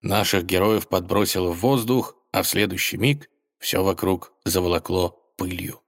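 A man narrating a children's story in a lively, expressive way. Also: low voice, normal speed.

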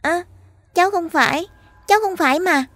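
A woman voicing a secretive little girl who holds her dead mother's soul, speaking in a high, soft, pleading childlike voice in a ghost story. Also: normal speed, no echo. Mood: innocent.

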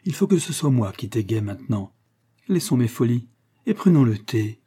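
A haunted aristocratic countess confesses a buried temptation, as a man reads her part aloud. The reading is grave and intense, in a dark, mellow tone. A husky grain runs under every line. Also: mid-range voice, big pitch swings, moderate pace. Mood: tender.

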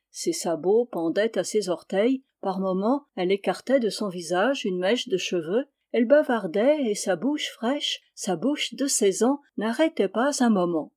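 A woman reads a classic novel aloud in a calm, measured way. Her voice is warm and mellow, with expressive but unhurried phrasing. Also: medium pitch. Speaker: audiobook reader. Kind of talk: literary audiobook narration.

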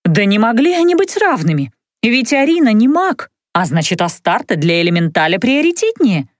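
Stern middle-aged mother, sharp and scolding, a woman reader doing her, lively pitch, dry sound. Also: moderate pace, no echo. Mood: stern, angry. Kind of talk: audiobook character voice.

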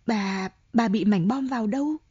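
A woman voicing a timid old country man who asks halting, shaky questions, on a dull lo-fi audiobook recording. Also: fairly high pitch, warm tone, slightly rough, dry recording. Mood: shaken.

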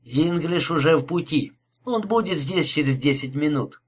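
A cold, courteous killer speaks with polite mockery, as a male reader puts him on. His voice is husky and set fairly high, and he never hurries. It is an audiobook thriller. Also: animated. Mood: cold menace. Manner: politely mocking, unhurried.

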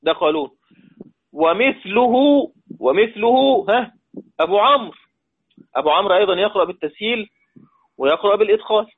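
Egyptian male Quran teacher, higher voice, thin phone-like audio, repeats and quizzes the class. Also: rapid-fire, long pauses, husky. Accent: Egyptian Arabic. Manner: repeats points, quizzes listeners, draws out recited words. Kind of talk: classroom lesson. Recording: tinny phone-like sound.

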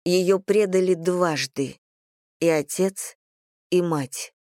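Audiobook narrator, unhurried and measured, even read, dry studio sound. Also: mid-range voice, dry recording.

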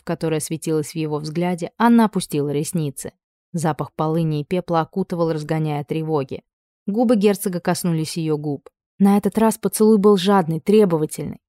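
Brief: woman audiobook narrator, calm and measured, warm low voice, dry close recording. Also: no echo. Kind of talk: scripted narration.

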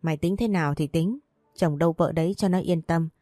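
Older country mother in a storybook, fond but bossy, read by a woman, warm low voice. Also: fairly quick, dry recording, studio quality, soft background music, natural voice.

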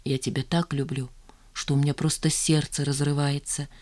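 A woman's voice: mid-range voice, expressive, moderate pace, darkish tone, pitched above the performer's own voice, lightly acted. A woman reading the part of a jealous, brooding young man in an audiobook, gloomy and reproachful. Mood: tender.

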